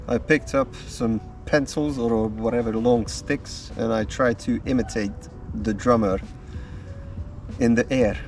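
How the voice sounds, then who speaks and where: Outdoors in woodland, a drumming vlogger from Slovakia casually introduces himself to camera in a lowish, darkish voice. He tells his story slowly and easily, with small pauses, picked up by a distant mic with faint music behind.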